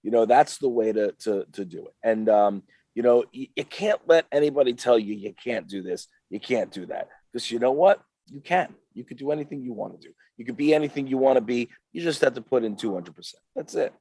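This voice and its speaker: A man's voice: medium pitch, animated, fairly quick, mellow, no echo. Upbeat, emphatic man on a podcast. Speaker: podcast guest. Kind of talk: casual podcast chat.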